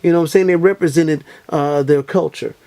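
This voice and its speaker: Gravelly, halting interviewer. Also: male voice, on the high side, warm tone. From Milwaukee. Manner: halting, many fillers like "you know what I'm saying". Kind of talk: casual interview chat.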